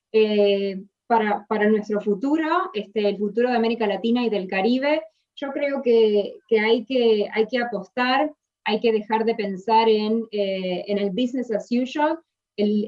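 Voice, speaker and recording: A woman moderator giving closing remarks on a panel over a video call, speaking haltingly with many fillers and restarts. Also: fairly high pitch, a little mellow, muffled recording.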